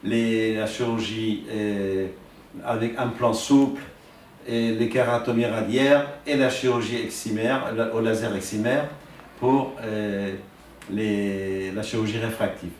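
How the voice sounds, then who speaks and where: An Iranian ophthalmologist in his sixties or older explains his work and equipment in an interview, teaching as he goes and posing questions he then answers himself. His male voice sits on the low side, mellow, slow and fairly even in intonation. There's a faint hiss or hum in the recording.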